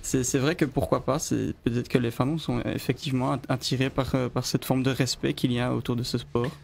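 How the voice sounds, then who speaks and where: A man's voice: mid-range voice, level tone, a little fast, vocal fry, darkish tone, a little hiss or hum. A man speaking as a guest on a radio show, explaining his views with many hesitations and restarts. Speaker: studio guest. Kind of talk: radio discussion.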